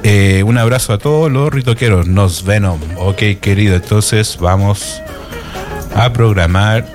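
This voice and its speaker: A radio host in his forties with a Chilean accent chats casually between listener messages, reading them out with friendly asides. His voice is fairly low and darkish, a little slow, with faint music behind him.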